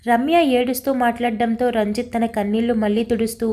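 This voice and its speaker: A woman narrating a romantic audio story in a calm, even manner. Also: a little high, quick pace.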